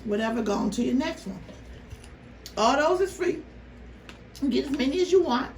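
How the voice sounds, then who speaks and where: A woman vlogger telling a story casually to her viewers, animated and exasperated, with rhetorical questions. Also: high voice, moderate pace. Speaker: mukbang vlogger. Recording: roomy, noisy, distant microphone.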